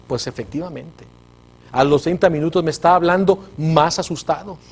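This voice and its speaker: Man, Mexican Spanish accent, preacher and TV host, fervent storytelling, somewhat high, husky voice. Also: moderate pace. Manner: fervent storytelling, swings from loud to hushed. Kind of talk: preached testimony on a religious TV show.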